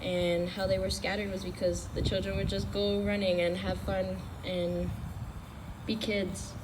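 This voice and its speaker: A woman's voice: mid-range voice, flat delivery, a little slow. A woman earnestly telling the story behind a song at an outdoor event, with some fillers. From Canada. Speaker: singer explaining a song. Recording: loud traffic noise outdoors.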